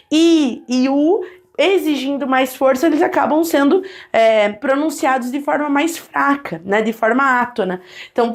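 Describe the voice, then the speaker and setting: A woman teaching a Portuguese grammar lesson, talking straight to viewers and sounding out vowels and consonants for them to repeat. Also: high-pitched. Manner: lively, addresses viewers directly, models sounds aloud.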